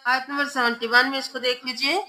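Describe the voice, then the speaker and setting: A woman's voice: high-pitched, little pitch movement, fast, pushed and bright, soft background music. A woman teaching Quran recitation, spelling out letters and vowel marks one by one and then chanting the words.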